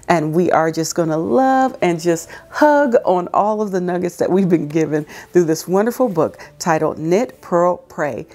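A woman's voice: on the low side, a little mellow. A middle-aged woman hosting a casual vlog in a sing-song, effusive, welcoming way with folksy endearments. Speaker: channel host. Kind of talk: casual vlog greeting, devotional talk. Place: living room on a couch, indoors.

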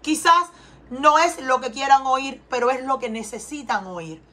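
A Cuban tarot reader at her home in Texas gives an earnest reading, her high-pitched, expressive voice pushed and bright at a measured pace, with a little hiss or hum. She has a Cuban Spanish accent and keeps repeating questions, asking viewers to respond.

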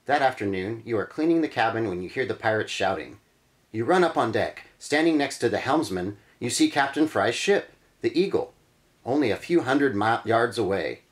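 A man hosting a read-through, reading a gamebook aloud with lively, dramatic emphasis and adding casual comments. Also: medium pitch, normal speed. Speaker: channel host reading a gamebook.

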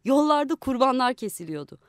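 A woman's voice: very animated, fairly quick, no room sound. Woman narrating a story, dry studio sound. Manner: voices the characters with shifts in pitch and loudness. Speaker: audiobook narrator. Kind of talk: scripted literary narration. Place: radio studio.

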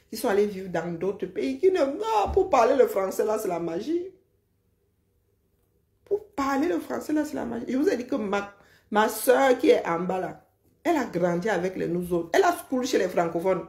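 Woman, mocking lecturing rant, gravelly fry, roomy echo. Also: mid-range voice, animated, moderate pace, a little mellow. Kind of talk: casual live rant.

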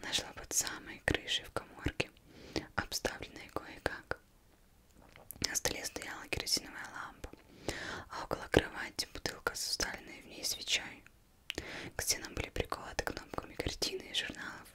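A young woman reading a novel aloud as ASMR in a breathy, unvoiced whisper, very close, as if right in the listener's ear. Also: moderate pace, bright, forceful tone. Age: young adult. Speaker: ASMR reader. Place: indoors, plain studio backdrop. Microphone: close microphone.

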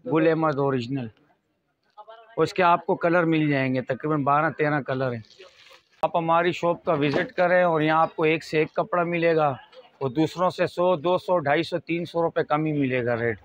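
Recorded through a lapel mic in muffled, dull lo-fi sound, a Pakistani-accented man in his thirties pitches fabric in a small indoor shop. His moderately paced, informal patter repeats itself and keeps quoting prices.

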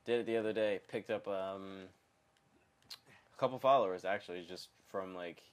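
A man's voice: low-pitched, normal speed. A young man co-hosting a casual let's-play, rambling and restarting his sentences, swearing freely. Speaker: gaming channel co-host.

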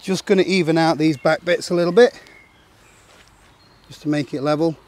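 A man in his forties calmly talking through a camping setup, step by step, in an open meadow outdoors. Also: a little high, normal speed. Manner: plain, matter-of-fact instructional talk. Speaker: outdoor gear vlogger.

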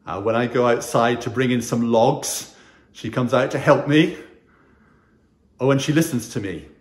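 A man in his sixties, a chaplain, giving a gentle, earnest chapel talk to pupils, recorded on a camera at mid distance in a small wood-panelled room. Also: mid-range voice, normal speed. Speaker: school chaplain. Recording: roomy echo.

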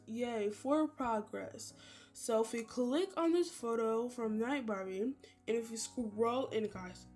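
A woman's voice: a little high, darkish tone. A tired woman who has just woken up, talking casually and a little unsure about a game update while showing pictures, with many fillers and trailing words. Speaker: gaming channel host. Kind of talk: casual screen-share commentary.

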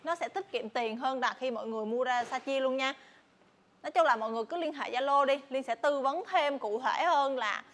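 A young woman with a southern Vietnamese accent giving a casual, chatty sales walkthrough, often pausing and repeating words. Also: high voice. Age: young adult. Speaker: motorbike shop saleswoman presenting stock. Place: large tin-walled motorbike warehouse. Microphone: clip-on lapel mic.

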